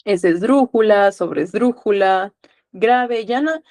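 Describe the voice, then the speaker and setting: An upbeat woman with a Guatemalan accent teaches a live online class, checking in with her students and prompting them to answer. She talks at a middling pitch. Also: slow pace, a little mellow. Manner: upbeat, coaxing questions to students. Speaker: online tutor.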